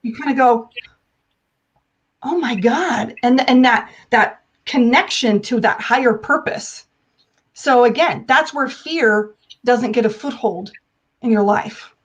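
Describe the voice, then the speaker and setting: American woman telling stories in an interview, pretty high voice, irreverent, really punchy delivery. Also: takes it slowly, breathy edge, lo-fi sound. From United States. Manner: emphatic, irreverent, laughs often, acts out dialogue. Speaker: interview guest, entrepreneur. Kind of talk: animated personal storytelling in a live interview.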